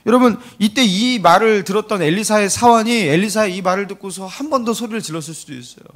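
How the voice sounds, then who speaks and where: A man's voice: sits high, quick pace. A male pastor preaching a sermon in a church, telling the story dramatically and asking the congregation questions.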